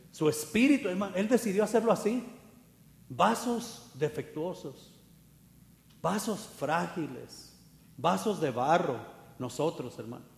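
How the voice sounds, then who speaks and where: Fervent preacher in an echoey hall. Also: male voice, fairly high pitch. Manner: fervent, swinging from loud exhortation to quiet asides. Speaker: pastor. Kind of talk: sermon.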